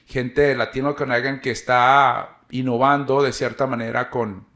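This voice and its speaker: Male interview host, mid-pitched voice, casual and attentive, affirms the guest often. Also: flat delivery, normal speed, fairly bright tone. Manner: attentive, frequent affirming ujú, rambling questions. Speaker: podcast host.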